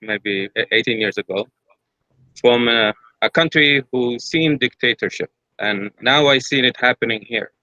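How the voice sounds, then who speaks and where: A man's voice: mid-range voice, normal speed, bright, forceful tone, no echo, dull audio. A middle-aged man from Iraq with an Iraqi accent, asking a hesitant question at a public forum. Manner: hesitant, many filler sounds and restarts. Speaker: audience member asking a question.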